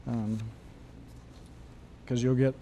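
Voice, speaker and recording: A man talks to his screenwriting class in a classroom, his voice mellow and dark. He is easygoing and jokey, circling back and restarting his sentences as he goes. A faint hiss sits under the recording. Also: mid-range voice, level tone, drawn-out words. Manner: loose, joking, many restarts. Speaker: screenwriting teacher. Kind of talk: casual classroom talk.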